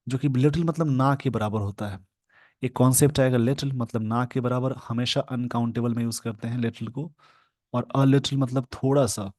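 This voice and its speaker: A man with an Indian accent teaching English in Hindi, explaining an editorial word by word and slowing down to read the English phrases. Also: mid-range voice, darkish tone, no echo. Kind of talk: Hindi-language English lesson reading an editorial.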